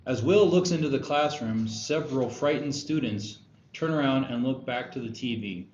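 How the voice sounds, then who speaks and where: At a screenplay table read in a roomy indoor space, a man serves as narrator, reading the scripted stage directions. His mid-range voice has a darkish tone and moves at a normal speed. The room is echoey, the sound dull, with faint noise.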